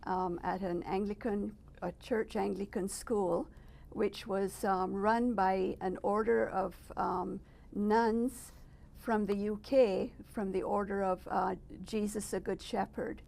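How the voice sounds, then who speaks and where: Middle-aged woman from Barbados, guest in an interview, gravelly voice, measured and reflective delivery. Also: mid-range voice, fairly even intonation, a little mellow. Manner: thoughtful, measured, with frequent pauses. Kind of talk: personal testimony interview. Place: residence.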